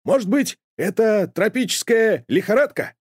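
An eager young dog, as a male narrator puts him on in a storybook reading. He speaks high and excitedly, with a lively, bouncing tone. The sound is dry and close. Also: moderate pace, slightly rough, no room sound.

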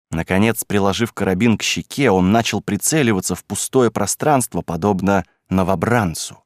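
A man narrating a classic novel as an audiobook in a measured, even storytelling manner. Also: on the low side, no room sound, clean studio sound.

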